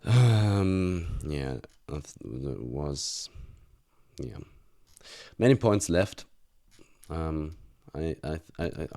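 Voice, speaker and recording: A man's voice: rumbling low, darkish tone. A young man with a German accent, a student thinking aloud as he reviews an old exam, hesitant and full of fillers and restarts.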